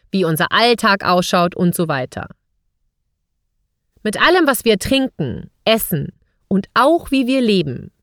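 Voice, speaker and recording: A woman's voice: mid-range voice, no room sound, studio quality. A woman hosting a podcast, speaking straight to the listener in a scripted monologue full of rhetorical questions. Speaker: podcast host.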